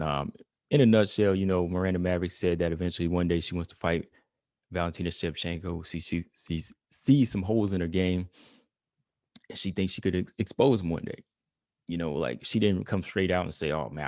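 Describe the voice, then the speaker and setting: Low-pitched man, laid-back podcast host, fillers everywhere, dry room. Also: darkish tone, no room sound. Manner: conversational, many fillers like "you know" and "like"; reads quotes aloud then comments. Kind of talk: casual solo podcast commentary.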